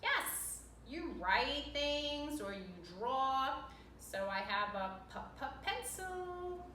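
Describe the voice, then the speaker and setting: A woman's voice: sits high, slow, bright, forceful tone. A woman preschool teacher giving a virtual lesson to small children, sing-song and encouraging, asking questions and sounding out words. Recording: roomy, distant mic, faint noise.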